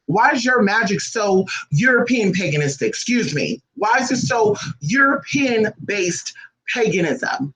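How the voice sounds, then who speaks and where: A man with a notably high-pitched voice delivers an unscripted, profane monologue to camera. He speaks bluntly and emphatically and keeps hammering his points with rhetorical questions. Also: big pitch swings, unhurried, a bit bright, low-quality recording. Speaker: spiritual practitioner vlogger.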